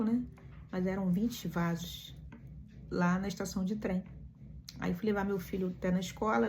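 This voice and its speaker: A woman's voice: medium pitch, warm tone, slight background noise. A woman giving a morning devotional reflection, telling stories and asking the listeners rhetorical questions. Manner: emphatic storytelling with rhetorical questions.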